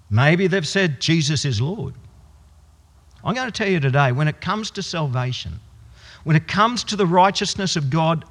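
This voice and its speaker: A male pastor delivering a sermon with a lively, swinging delivery, drifting into anecdotes and then slowing down, dropping his voice for emphasis. His voice sits a bit high for a man, and it rings out in a large church hall with a long echo. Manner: storytelling, swings from loud to hushed for emphasis. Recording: echoey hall with long reverb.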